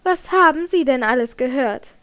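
In an audiobook, a woman reads a troubled young singer, tense and trembling under pressure. Her voice sits fairly high and carries a brittle edge. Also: expressive, normal speed, a bit bright. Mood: tense defensive. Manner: tense, trembling, icy at times. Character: young female opera singer, troubled and evasive. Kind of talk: audiobook character reading.

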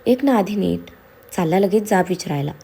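A woman's voice: mid-range voice, expressive, brisk, gravelly, dark tone, husky. A woman doing a bossy, scolding young wife. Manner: scolding, playful.

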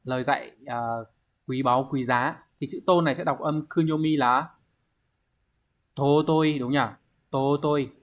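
A man's voice: mid-range voice, normal speed, dull audio. A man teaching an online exam review lesson, explaining word readings and checking in with the class through rhetorical questions. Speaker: Japanese teacher.

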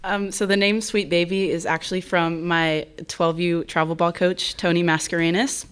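Low, even-voiced young woman player. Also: normal speed, clear, resonant tone. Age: young adult. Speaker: freshman softball player. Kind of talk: press conference answers. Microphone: table mic.

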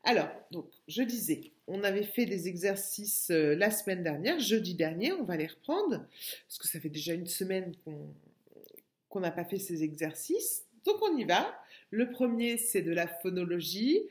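A woman teaching young children in a recorded lesson, drawing out syllables slowly and clearly. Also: on the low side, very animated, echoey room. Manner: slow, drawn-out syllables for children. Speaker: kindergarten teacher.

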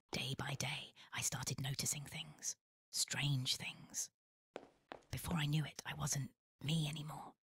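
Whispering talking doll, urgent and secretive. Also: female voice, low voice, bright, forceful tone, echoey room, recorded from a distance, full character voice. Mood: grave confiding. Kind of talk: whispered video game character acting.

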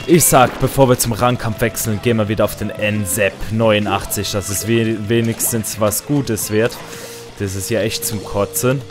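Narrating his gameplay, this let's player speaks in a fairly low voice with fairly even intonation at a normal speed, grumbling casually about his weapons. Kills and deaths set off loud, high outbursts, while quiet game music runs underneath.

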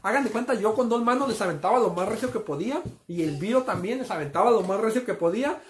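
A man's voice: sits high, expressive, quick pace, roomy sound, a little hiss or hum. A man casually telling a story to his listeners, calling them friends and acting out the sound effects. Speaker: storyteller host.

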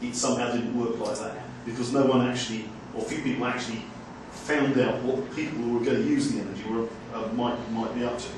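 Man, lecturer in audience, measured, lots of ums, echoey, far away, hiss. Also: mid-range voice, fairly even intonation. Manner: measured, hesitant with many ums. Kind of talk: audience comment at a seminar. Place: small seminar room. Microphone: far room camera mic.

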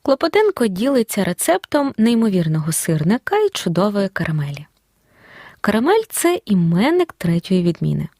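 Woman, language teacher, scripted lesson voice, very animated intonation, close and dry. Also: mid-range voice, no echo. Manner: clear, deliberate explanation of grammar rules. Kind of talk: scripted audio lesson narration.

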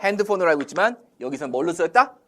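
In this classroom-style language lesson, a man with a high-leaning voice talks very fast while teaching English in Korean. Phrases are drilled through call-and-response questioning, and he performs the Korean example sentences in a lively voice.

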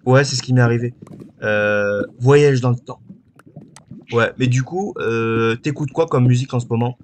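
Guy rambling on about music while gaming, lots of "euh", mid pitch, bit of hiss behind. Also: moderate pace. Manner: rambling, hesitant, many fillers, hums tunes. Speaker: gaming channel host. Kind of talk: casual chat while playing.

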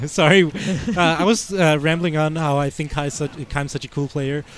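A man's voice: on the high side, moderate pace, slight background noise. A man giving casual, rambling commentary on a fighting game match through a headset, laughing often. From Iceland. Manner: giggly, rambling, playful. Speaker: esports commentator.

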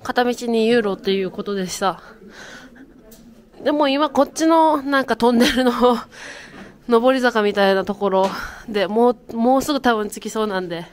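Strolling around a chilly, windswept city, a woman in her 30s narrates a casual travel vlog straight to her camera. She speaks at a moderate pace in a slightly high voice and laughs a lot.

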